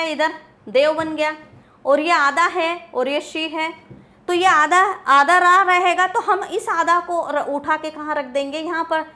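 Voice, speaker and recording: A woman's voice: extremely high pitch, pushed and bright. A woman teacher giving a classroom lecture, explaining step by step and asking rhetorical questions.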